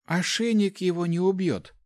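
A man voicing a calm young woman mage in an audiobook, soft and measured. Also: high-pitched, no echo, clean studio sound, voice pushed up, lightly acted. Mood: flat. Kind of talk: audiobook character voice.

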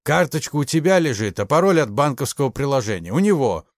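A man's voice: mid-range voice, very animated, no echo, clean studio sound, voice pushed up. A man voicing a scheming, persuasive man who bargains and tempts a rival. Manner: persuasive, slow, wheedling. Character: scheming, wheedling middle-aged man.

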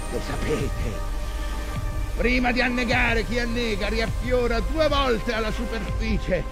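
An actor playing an old, obsessive, commanding whaling captain in a grandiose theatrical monologue. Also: male voice, high-pitched, creaky, exaggerated voice. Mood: commanding, solemn. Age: older. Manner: grandiose, commanding, impassioned, slow deliberate phrasing.

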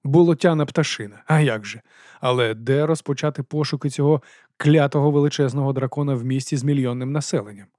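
A man narrating an audiobook in a steady, even reading voice. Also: mid-range voice, fast talker, no echo, studio quality. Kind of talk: scripted narration.

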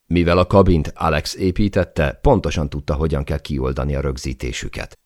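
Deep, gravelly male narrator for a dramatic adventure audiobook, close dry studio mic. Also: steady tone, no echo. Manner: dramatic reading, shouting out the quoted cries.

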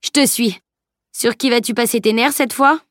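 A woman's voice: on the high side, normal speed, a bit bright, dry recording, clean studio sound, voice pushed up, natural voice. A woman voicing a cheeky, eager teenage boy who talks breezily.

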